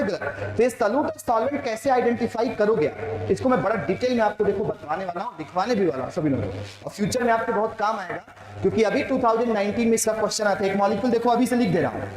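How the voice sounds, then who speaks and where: A man with an Indian accent teaching a chemistry class, slowly dictating notes and quizzing students with questions he answers himself. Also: high voice. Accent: Indian, Maharashtra. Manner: addresses students as "beta", asks and answers his own questions; slow dictation of English phrases mixed with quick Hindi explanation. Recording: very echoey classroom.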